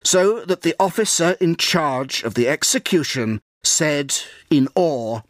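A man narrating a scripted storybook in a measured, solemn way. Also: a little high, animated, no echo, studio quality.

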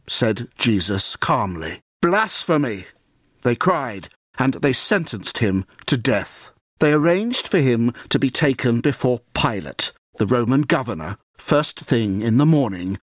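A man narrating a scripted storybook in a measured, solemn way. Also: mid-range voice, no echo, clean studio sound.

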